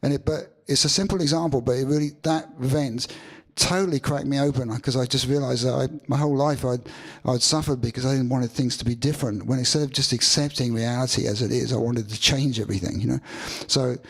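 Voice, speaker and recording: Male musician guest, gravelly and a bit husky, rambling and reflective, speaking in a live studio session. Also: medium pitch, fairly even intonation. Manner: halting, many restarts and fillers. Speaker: musician guest being interviewed. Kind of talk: reflective storytelling answer.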